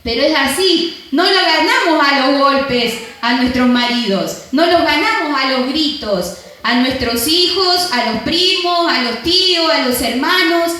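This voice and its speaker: A woman pastor with an Argentine accent preaches to her congregation in a high voice. She tells stories and acts out what others said. Her voice rings through a very echoey church room. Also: expressive, a little slow, bright, forceful tone. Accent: Argentine Rioplatense. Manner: storytelling, acting out quotes. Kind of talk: sermon.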